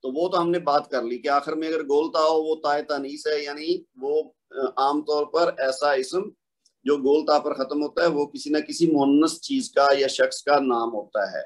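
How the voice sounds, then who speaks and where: A man teaching a recorded online lesson, explaining patiently step by step, asking the learner questions and slowing down to draw out example words. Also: fairly high pitch, steady tone. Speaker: Quran recitation teacher.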